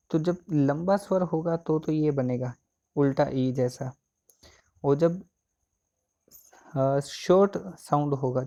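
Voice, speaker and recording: A man's voice: fairly high pitch, warm tone. A man teaching an exam coaching lesson, asking questions and answering them himself. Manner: asks and answers own questions.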